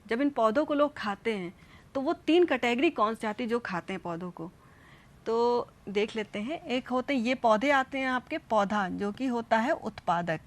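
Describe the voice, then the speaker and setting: A woman teaching a school science lesson, speaking straight to children and repeating each step as she demonstrates. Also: a little high.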